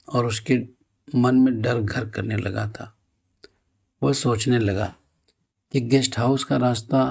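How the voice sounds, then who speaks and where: Gravelly male horror storyteller. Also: mid-range voice, a little mellow.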